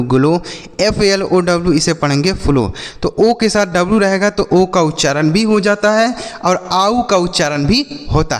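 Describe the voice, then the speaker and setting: A man's voice: fairly high pitch, long reverb tail. A male English teacher giving a phonics lesson to children, spelling words letter by letter and then asking and answering his own questions. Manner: addresses viewers as dear brother and children.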